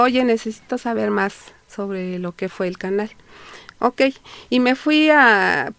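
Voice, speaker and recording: A woman's voice: mid-range voice, gravelly, no room sound. A Mexican woman with a Mexican Spanish accent, a historian guest on a radio interview, explaining at length with frequent fillers and restarts. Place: radio studio. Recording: dry radio studio.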